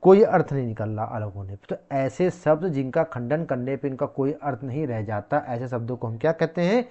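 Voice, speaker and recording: Male teacher, lecture style, repeats and quizzes the class; warm dark tone. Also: mid-range voice, animated, brisk, muffled recording. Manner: repeats key words, quizzing the class with questions.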